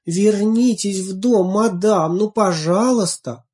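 A woman's voice: mid-range voice, slow, darkish tone, close to an everyday voice. A woman voicing a group of fussy village neighbor women in a storybook reading, pleading and fussing.

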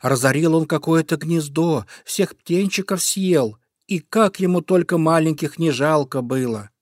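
A cunning vixen from a children's storybook, her voice pitched high and dripping with flattery, as a male narrator puts her on. She coaxes in a singsong tone and squeals when she is crossed. The sound is dry and close. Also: unhurried, dry recording. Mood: coaxing. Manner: honeyed, coaxing, turns shrill when crossed. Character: sly sweet-talking female fox. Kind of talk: storybook reading.

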